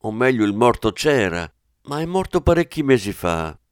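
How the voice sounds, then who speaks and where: A man's voice: medium pitch, sing-song, normal speed, clear, resonant tone, dry recording, clean studio sound, close to an everyday voice. A man reading the part of a blunt, swearing male police commissioner in an audiobook. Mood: bantering. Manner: brusque, swearing.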